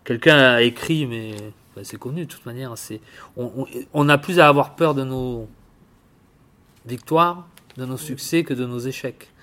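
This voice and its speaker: A man giving informal Bible teaching, halting and repeating words, often asking his listeners questions. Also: medium pitch, a bit bright. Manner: halting, repeats words, tags phrases with "hein"; addresses listeners directly with questions. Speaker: preacher.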